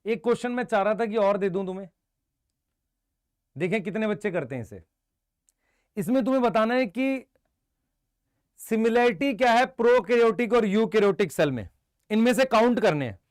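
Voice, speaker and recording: A man teaching a biology lesson, briskly quizzing his students and answering for them, mixing Hindi with English terms. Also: sits high, animated, no echo, studio quality. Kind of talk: live online exam-prep lecture.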